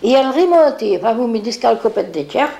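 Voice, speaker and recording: A woman's voice: on the high side, lively intonation, a little fast, vocal fry, dark tone. An older woman, reminiscing in a rambling way and acting out what others said. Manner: rambling, acts out quoted speech. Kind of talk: reminiscing oral history.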